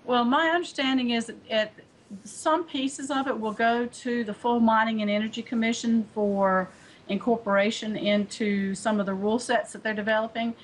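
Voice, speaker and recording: A woman's voice: a little high, steady tone, moderate pace, a little hiss or hum, rough recording. A woman speaking as an environmental advocate in a remote news interview, earnest and full of fillers and restarts. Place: remote studio link.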